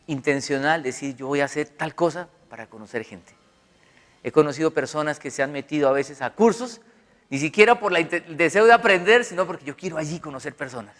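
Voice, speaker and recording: A middle-aged man, a pastor, giving a sermon in a conversational, storytelling way. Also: on the high side. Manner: conversational, animated storytelling with acted quotes. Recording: long hall reverb.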